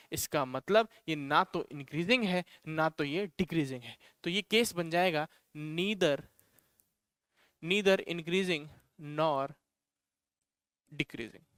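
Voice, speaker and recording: Indian male maths tutor, clear resonant voice, dry close recording, patient step-by-step explainer. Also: sits high, fairly bright tone, no room sound. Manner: explains step by step, mixing Hindi with English maths terms, addresses students as kids. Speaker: maths teacher. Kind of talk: online exam-prep lecture.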